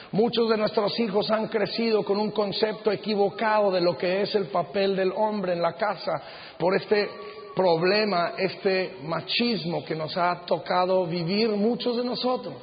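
High-voiced man preaching in a reverberant hall. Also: a little hiss or hum. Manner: earnest, measured preaching with slow emphatic phrases. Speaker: pastor. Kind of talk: sermon. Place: auditorium. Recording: dull sound with long hall reverb.

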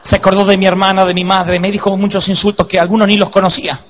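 A man preaching a sermon, telling a comic story and acting out the shouts and groans in it. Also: high voice, flat delivery, fast, big-room sound. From Argentina. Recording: dull lo-fi live sermon recording.

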